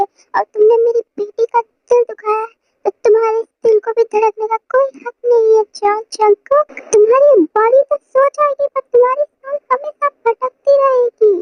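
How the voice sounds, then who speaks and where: A woman's voice: very high voice, no room sound, lo-fi sound. A woman voicing a grieving middle-aged mother who angrily accuses and curses a young man. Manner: accusing, angry.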